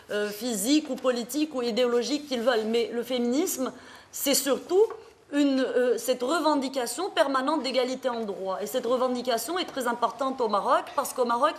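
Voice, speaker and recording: A woman from Morocco speaks at a small public debate in a rather high voice. She is earnest and halting, filling her pauses and restarting her sentences as she thinks. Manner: earnest, hesitant, many fillers and restarts. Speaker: panel speaker.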